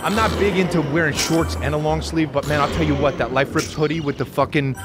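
A man's voice: fairly high pitch, fairly even intonation, fairly quick. A man hosting his own podcast, talking in a loose, rambling and profane comedic monologue. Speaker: podcast host. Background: video game music.

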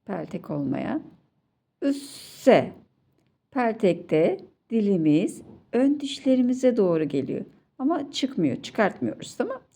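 A woman's voice: medium pitch, sing-song, unhurried, gravelly, warm tone, slightly rough. A woman teaching children to read Quranic letters, patiently drilling syllables one by one and repeating each sound. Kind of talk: slow children's recitation lesson.

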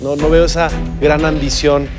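A man with a Mexican Spanish accent, an investor on a TV panel, giving measured, critical feedback. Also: on the high side, flat delivery, music in the background. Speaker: investor judge. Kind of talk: TV business panel.

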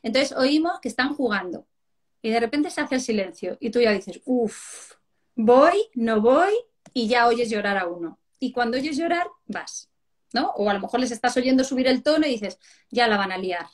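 A woman from Spain, a parenting educator on a live stream, who explains through animated stories and acts out the parents and children she quotes. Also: on the high side, fairly quick.

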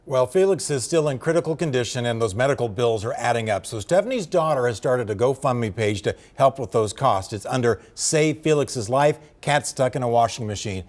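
Man reporter with a measured voice. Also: medium pitch, expressive, slight background noise. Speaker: news reporter. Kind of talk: news report narration and studio chat. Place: TV studio.

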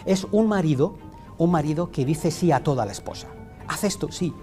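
Man, middle-aged, professorial explainer, slightly high voice, faint music behind. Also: animated, brisk, dark tone. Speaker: author and guest; university teacher. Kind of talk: explanatory interview talk.

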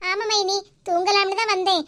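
A woman voicing a remorseful pregnant young woman in an animated cartoon comedy, speaking with a Kanyakumari Tamil accent in a high, squeaky cartoon voice. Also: moderate pace.

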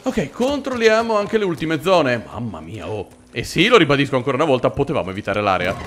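A man's voice: medium pitch, sing-song, a little fast, fairly bright tone, a little hiss or hum. A man giving casual, jokey let's-play commentary, talking to his viewers and to the game characters. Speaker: gaming channel host.

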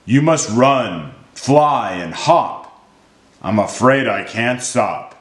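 Man voicing an excitable storybook elephant, echoey. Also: medium pitch, slow. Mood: sad, apologetic. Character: big apologetic elephant, gentle, easily panicked, then giddy. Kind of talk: rhyming children's storybook character. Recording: roomy, echoing sound.

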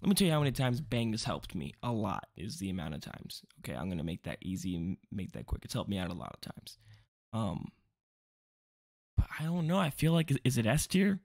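A young man with a gravelly, frayed edge to his voice rambles through a casual video, cutting himself off and tossing in jokey asides. The sound is close and dry, with almost no room around him. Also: on the low side, big pitch swings, a little fast, a little mellow, no room sound. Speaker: vlogger.

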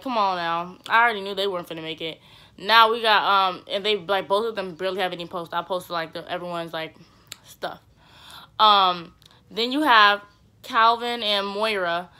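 A young woman talks straight to her audience in a loose, slangy vlog chat, animated and full of playful asides. Her voice has a bright, crisp edge. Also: medium pitch. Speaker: vlogger. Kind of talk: casual reality-TV gossip chat.

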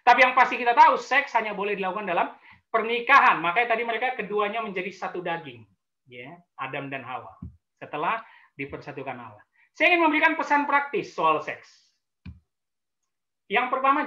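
Bright high-voiced male pastor. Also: reverberant. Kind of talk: frank webinar sermon.

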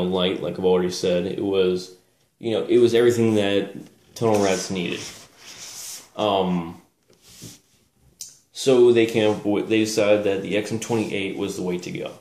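A man's voice: deep voice, a little mellow. A man giving a casual, unscripted show-and-tell as a presenter, hesitant and rambling, often correcting himself. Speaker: presenter reviewing collectible military gear. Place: small indoor room at a table. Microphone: camera mic, speaker off screen. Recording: roomy echo with background hiss.

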